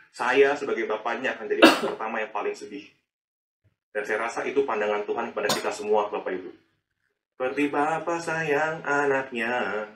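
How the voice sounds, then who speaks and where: Guy preaching, chatty and lively, sounds far off in an echoey room. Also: mid-range voice. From Indonesia. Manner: lively, chatty with frequent rhetorical questions. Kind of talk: sermon. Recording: echoey and distant.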